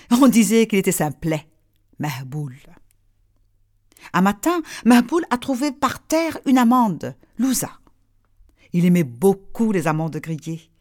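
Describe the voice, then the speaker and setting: A woman telling a folk tale to listeners, slow and lilting. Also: medium pitch, a little mellow. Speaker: storyteller.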